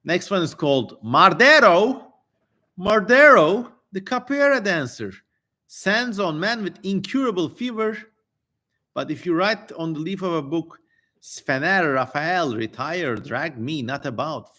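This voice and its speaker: A bright, forceful male voice on the higher side reads an old text live. The streamer turns theatrical whenever strange names appear and interjects with casual, swear-laden asides.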